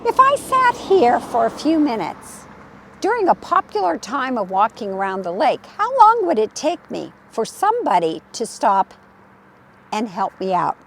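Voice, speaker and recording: Strolling a lakeside golf course trail outdoors, a woman real estate agent from California chats and tells stories as she shows off the lakeside community. Her fairly high voice swings hugely in pitch at normal speed, with a little hiss or hum on the recording.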